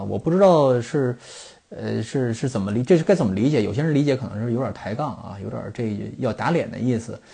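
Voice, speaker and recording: A man's voice: mid-range voice, vocal fry, darkish tone, breathy edge. A middle-aged man from China hosting a football podcast, explaining things in a rambling monologue full of fillers and restarts.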